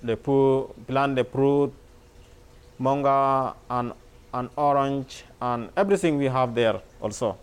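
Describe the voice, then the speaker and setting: Male, Sudanese accent, non-native English, mid-pitched, slow and halting personal storytelling. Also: clean tone. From Darfur, Sudan. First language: not English. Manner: halting, simple learner's English with repeated words. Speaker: refugee volunteer, former farmer.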